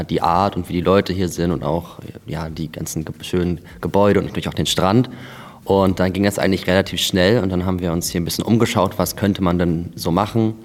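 A young man from Berlin answers questions as a podcast guest, quiet and plain in manner. His voice is very deep. The recording has a roomy reverb. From Berlin, Germany. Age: young adult. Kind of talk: casual interview answers.

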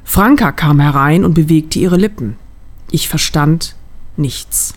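A woman reading a humorous short story aloud in a lively, dramatic way. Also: low-pitched, slow.

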